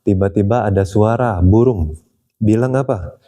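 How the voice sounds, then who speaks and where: A man's voice: fairly low pitch, moderate pace, mellow. A man retelling a religious tale in a casual, chatty way, often tagging his sentences and chuckling.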